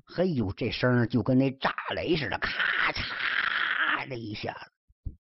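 Husky, lively woman storyteller. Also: a bass voice, unhurried, dull audio. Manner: lively, chatty asides to the listener with rhymed verse closings. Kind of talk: traditional storytelling narration.

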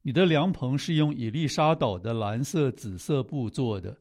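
A man reading scripture aloud in a steady, measured way. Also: mid-range voice. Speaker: scripture reader.

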